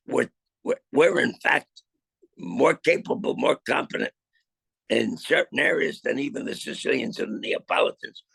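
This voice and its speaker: An older man telling his own story in a video-call interview, halting with many restarts and repeated words, then landing his points emphatically. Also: fairly high pitch, creaky, a bit bright, husky, no room sound. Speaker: film subject interviewed about his life.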